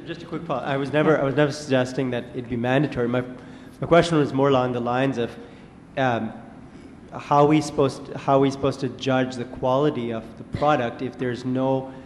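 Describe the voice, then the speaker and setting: Audience questioner, male, flat delivery, roomy hall echo. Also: mid-range voice, a little hiss or hum. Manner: long-winded, repeating himself. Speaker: audience member asking a question. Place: large lecture hall.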